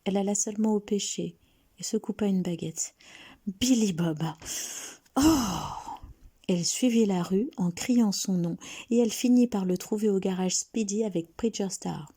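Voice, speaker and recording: A woman reading a short story aloud as narrator, often in a hushed, half-whispered way. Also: medium pitch, normal speed, breathy edge.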